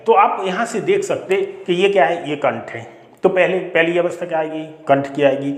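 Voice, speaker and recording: A man lecturing as a teacher, his voice sitting a little high. He explains patiently, poses questions and answers them himself, and repeats the key points. The sound carries a roomy classroom echo. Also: normal speed. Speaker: Hindi teacher.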